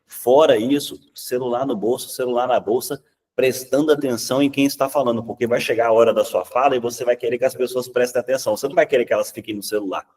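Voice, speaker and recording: A man with a Brazilian Portuguese accent teaching public speaking in a lively, conversational way, often checking in with "tá?" and acting out examples. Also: mid-range voice, fast, distant mic. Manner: acts out examples in changed voices.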